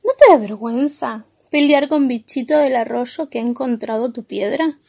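A woman voicing a kind, calm friend character who speaks gently and soothingly, with an Argentine accent. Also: a little high, moderate pace, gravelly, pitched below the performer's own voice.

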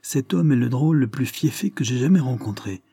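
An irritable country squire who fires off sharp, indignant questions, as a male reader puts him on. The pitch rides high above the reader's own and the voice is forceful. It is recorded close and dry. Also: lively intonation, a little fast, vocal fry, slightly rough, dry recording. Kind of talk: audiobook character reading.

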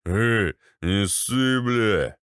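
A man doing a bassy drunk ex-paratrooper. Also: lively intonation, very slow, a bit bright, smooth, no room sound, clean studio sound, full character voice. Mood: swaggering. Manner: slurred, swaggering and crude. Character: drunk, boorish ex-paratrooper man, loud and swaggering. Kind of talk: audiobook character voice.

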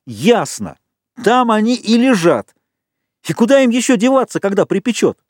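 A man voicing Jack, an eager boy hunter in an audiobook, chattering excitedly. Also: fairly high pitch, normal speed, no room sound, studio quality.

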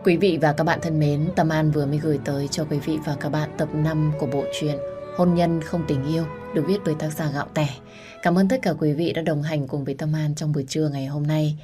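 A woman's voice: sits low, fairly even intonation, a little fast, music in the background. A woman narrating an audio story and talking earnestly to her listeners as host. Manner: intimate, earnest, addresses listeners directly.

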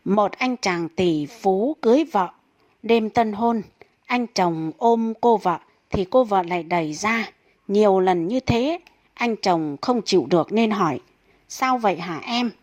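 A woman narrating a string of short funny stories. Her delivery is steady and even, like scripted storytelling read straight through. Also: medium pitch, a little slow. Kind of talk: reading jokes aloud.

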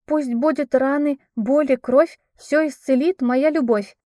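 A cheeky young maid, voiced by a woman narrator in a storybook reading. Her voice rises high and loud, mellow in tone yet pert and insistent. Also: unhurried, no echo, clean studio sound. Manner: high, excited, pleading. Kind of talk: audiobook character voicing.

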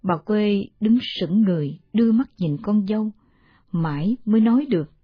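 A woman narrating a village family story in a measured, plain way. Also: medium pitch, expressive, breathy edge, dry recording, narrow, tinny audio.

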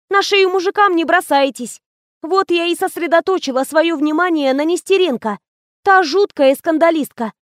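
A woman's voice: very high voice, dry recording, studio quality, pitched above the performer's own voice. A woman reading an audiobook, voicing a silly, gushing young female PR assistant in a whiny, chattering manner.

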